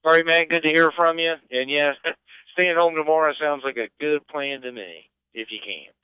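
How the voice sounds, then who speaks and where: Acting as net control over amateur radio, a man casually moderates check-ins. His voice sits a little high, with a sharp, smooth tone at normal speed and no room sound. The audio has an amateur radio transmission effect and comes across dull and band-limited.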